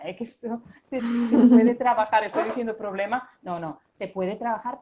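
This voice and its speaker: A woman's voice: medium pitch, darkish tone, a little hiss or hum. A woman speech therapist, patiently explaining child pronunciation in conversation. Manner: patient, explains with sound examples.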